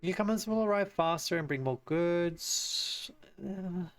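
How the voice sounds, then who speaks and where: A man's voice: sits high, measured pace. Man thinking aloud over game music. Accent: Australian. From Australia. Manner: thinking aloud, self-correcting. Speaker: streamer. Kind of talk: casual gameplay commentary. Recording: music playing under voice.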